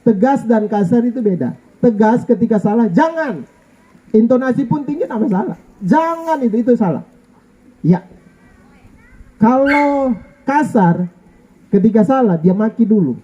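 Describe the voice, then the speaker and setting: A middle-aged pastor with a very high voice preaches a playful, jokey sermon in church at a normal speed, calling out for amens from the congregation. The tone is dark, with the highs cut off.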